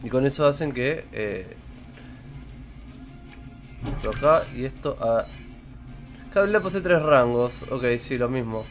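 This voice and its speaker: A man's voice: mid-range voice, lively intonation, measured pace, long pauses, soft background music. A man in his thirties with an Argentine accent, chatting casually on a live game stream and greeting viewers. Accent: Argentine Spanish. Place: indoor room with purple lighting.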